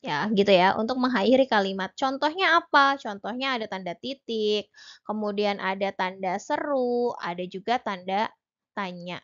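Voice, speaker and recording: A woman's voice: mid-range voice, normal speed, fairly bright tone, highs cut off. A young woman tutor giving an exam-prep lesson, explaining each point step by step in a chatty way with many fillers.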